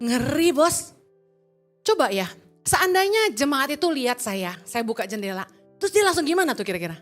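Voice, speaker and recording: Very high-voiced joking woman pastor. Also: normal speed, pauses often, faint music behind. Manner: lively, joking, quizzes the congregation; slips in English phrases. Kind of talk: sermon. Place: church.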